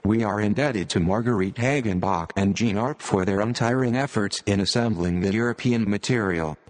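A computer-generated male voice like an old speech synthesizer, reading scripted narration with stiff, robotic, measured phrasing. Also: lowish voice, in a large hall. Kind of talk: scripted narration, read aloud.

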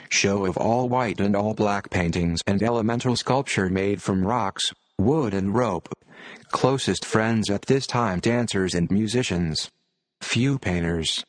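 A synthetic male voice narrates a written text in the manner of an old speech synthesizer. It sits somewhat low in pitch. The delivery is mechanical and stiffly phrased, plainly computer-generated. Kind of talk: scripted read-aloud narration.

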